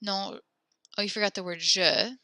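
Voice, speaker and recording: A young woman gives an online French lesson in a medium-pitched, pushed, bright voice, with fairly even intonation and a moderate pace. The recording is dry and close up on a headset or desk mic, and she's a little out of breath. She explains step by step, patient and encouraging throughout.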